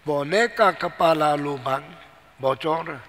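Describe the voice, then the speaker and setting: A man's voice: fairly high pitch, slow, fairly bright tone, a little hiss or hum. A man voicing a father who firmly tells his son what to do, in a hall with long reverb. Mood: stern. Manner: firm, commanding. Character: stern, calm father instructing his son.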